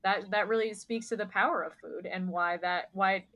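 A woman's voice: mid-range voice, steady tone, normal speed, a bit bright, low-quality recording. A woman hosting a casual conversation, responding in a thoughtful, affirming way. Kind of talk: casual chat.

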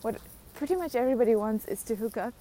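Young woman, podcast host, self-mocking rambling rant; mellow, slightly high voice. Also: animated, fast talker. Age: young adult. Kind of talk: casual solo rant.

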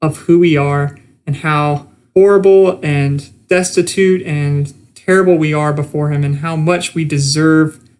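A man's voice: a little high, steady tone, measured pace, darkish tone. A young man giving an informal Bible teaching, earnest and conversational, with frequent restarts. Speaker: preacher.

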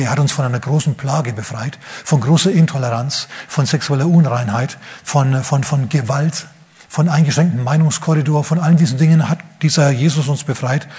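A man's voice: medium pitch, a little mellow, husky. A man preaching a sermon who retells a Bible story vividly and briefly acts out the figures in the story. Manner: acts out the figures in quick asides.

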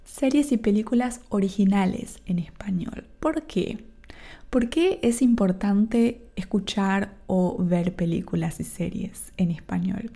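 This is a mellow, somewhat gravelly mid-range voice belonging to a Spanish teacher from Argentina. Hosting a lesson podcast, she speaks slowly and deliberately and keeps checking on learners with "¿sí?".

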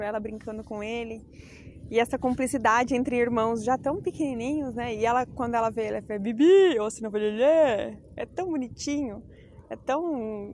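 Woman host, casual outdoor vlog, slightly high voice, faint background noise, confiding storyteller. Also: darkish tone. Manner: chatty, confiding, quick bursts of storytelling. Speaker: podcast host. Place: outdoors, out for a bike ride.

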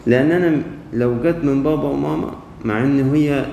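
A man's voice: medium pitch, brisk, creaky, warm tone, slight background noise. A man with an Egyptian accent giving a conversational sermon during a church service, telling a story and posing rhetorical questions that he answers himself. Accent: Egyptian Arabic. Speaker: preacher. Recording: echoey church hall with long reverb.

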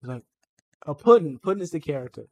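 A man's voice: on the high side, sing-song, fast talker. A man co-hosting a podcast in casual chat, swearing freely and retelling scenes with animation. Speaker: podcast co-host.

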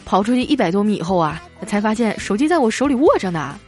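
Lady host reading out jokes, lively, giggly, mid pitch, faint music behind. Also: fast talker. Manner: lively, chuckling through punchlines. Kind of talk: comic storytelling.

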